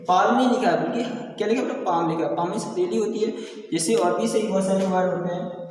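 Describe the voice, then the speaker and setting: A man teaches a classroom lesson on silent letters in English pronunciation, speaking fast in a high, slightly mellow voice. He repeats questions to quiz his students and affectionately calls them beta, as children. The echoey classroom is recorded from far off.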